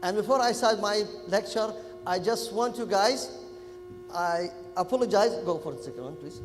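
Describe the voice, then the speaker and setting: Gulf Arabic-accented man lecturing, high-pitched, echoey hall. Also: normal speed, background noise. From Kuwait. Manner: animated, informal, often checks in with listeners. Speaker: public speaking workshop lecturer. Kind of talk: interactive lecture to students. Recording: echoey hall, music in the background.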